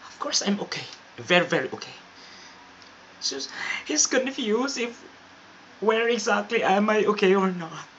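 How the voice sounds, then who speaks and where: A woman with a Filipino accent delivers a comic vlog monologue, praising herself with deadpan, mock-confident boasts. Her voice sits at a middling pitch. The recording is dull and lo-fi, with a faint hiss behind it. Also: unhurried. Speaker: vlogger.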